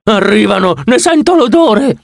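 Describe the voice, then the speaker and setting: Male narrator voicing a nervy young satyr, urgent, raised pitch. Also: lively intonation, a little fast, gravelly, bright, forceful tone, no room sound, studio quality, full character voice. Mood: alarmed.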